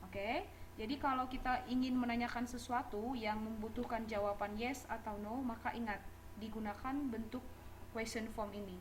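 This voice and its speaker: A woman with a fairly high voice teaches a class, switching between Indonesian and English. She drills verb forms and pronunciation and laughs lightly along the way. A faint hiss sits behind her. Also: steady tone, moderate pace, rough recording. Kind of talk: classroom lecture.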